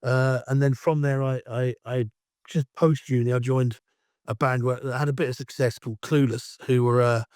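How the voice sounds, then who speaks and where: A middle-aged man from Essex with an Essex accent and a croaky, hoarse voice from allergies, talking as a guest in a rambling, chatty way. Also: medium pitch, steady tone, normal speed, dry recording, clean studio sound. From Essex, England. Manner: rambling, chatty, self-styled loudmouth. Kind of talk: casual interview chat.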